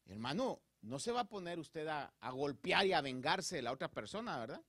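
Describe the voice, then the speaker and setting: A male pastor delivers a Spanish-language sermon in a slightly high voice at normal speed, with no echo. He speaks straight to his congregation, checking in with them often, in an animated, preacherly style with rising emphasis.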